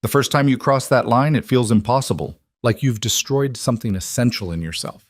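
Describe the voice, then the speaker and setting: A man voicing a calm, firm woman who comforts gently but speaks with authority. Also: mid-range voice, a little fast, no echo, clean studio sound, voice pushed up, lightly acted.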